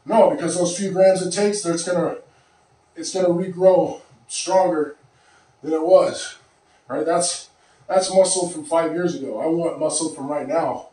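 A winded man in his thirties talks to the camera between sets, rambling and often clearing his throat. His fairly high voice comes from across a bare, very echoey room. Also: fairly even intonation, unhurried, dark tone, far from the mic. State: out of breath. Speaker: fitness vlogger. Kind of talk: casual talk to camera. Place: small home gym room. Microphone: far camera.

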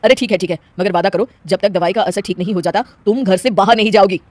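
A woman's voice: mid-range voice, fast, no room sound, lightly acted. Woman doing a young cartoon husband. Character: young husband, patient then annoyed.

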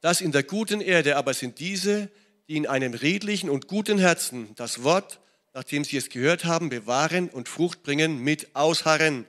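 A middle-aged German man preaches in a church, pitched a little high for a man. His delivery is animated, and he checks in with his listeners again and again. The sermon has a lively, conversational pull. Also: moderate pace. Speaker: pastor. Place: church hall.

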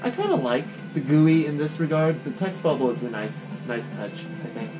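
A man's voice: a little high, very animated, normal speed. A man casually commenting as he plays a game, with wry asides. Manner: chatty, wry asides while playing. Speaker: let's play host. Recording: guitar music playing behind.

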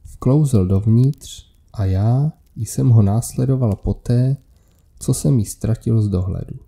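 A man narrates a scripted creepy story in a steady, measured way. His voice is deep in tone, very dark and mellow. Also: creaky.

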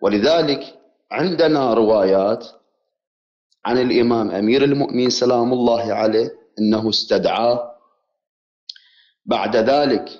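Measured male caller on a dull line. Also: mid-range voice. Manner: measured, formal, wants to finish his point. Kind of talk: religious debate by phone.

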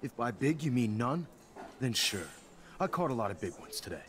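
Actor as glum sarcastic fisherman, dry mutter, animated pitch. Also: normal speed, a little hiss or hum, lightly acted. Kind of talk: video game voice acting.

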